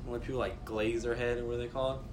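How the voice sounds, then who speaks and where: A man's voice: medium pitch, little pitch movement, fast, a little hiss or hum. A man in his twenties co-hosting a casual chat, full of slang and profanity. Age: 20s. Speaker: podcast co-host.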